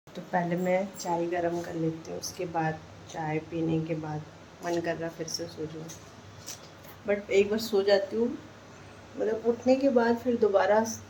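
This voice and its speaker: A young woman chatting casually at home in a vlog, talking slowly and softly as she wakes up. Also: lowish voice. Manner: sleepy, slow and soft-spoken. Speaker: vlogger. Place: dim home at morning. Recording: steady background noise. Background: rain.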